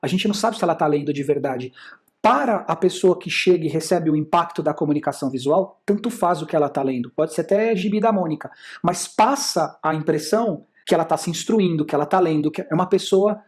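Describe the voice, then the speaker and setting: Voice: mid-range voice, brisk. A speaker with a Brazilian Portuguese accent gives a lecture over slides as a communication and sales instructor, explaining points and asking and answering their own rhetorical questions.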